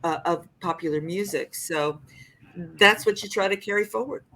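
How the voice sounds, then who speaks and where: An older woman, a singer-songwriter, reflects expressively on her craft during a podcast interview, frequently starting her sentences over. Her voice sits on the low side with a slightly bright quality, and she speaks at a moderate pace.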